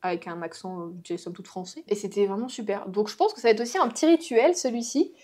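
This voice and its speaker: A woman's voice: mid-range voice, animated, quick pace, warm tone. A woman chatting casually to her viewers in a vlog, rambling and full of fillers and restarts. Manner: chatty, addresses viewers directly. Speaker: vlogger.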